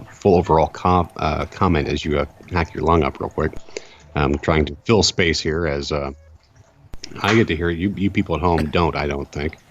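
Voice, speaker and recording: A man's voice: rumbling low, highs cut off, a little hiss or hum. A man co-hosting a podcast in casual chat, chiming in with short agreeing replies. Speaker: podcast co-host.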